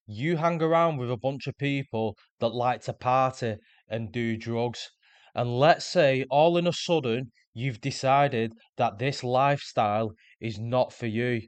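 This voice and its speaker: A man with a medium-pitched voice, recorded dry, hosts a self-improvement video. He earnestly explains self-improvement ideas in a scripted motivational monologue, repeating words whenever he restarts a thought.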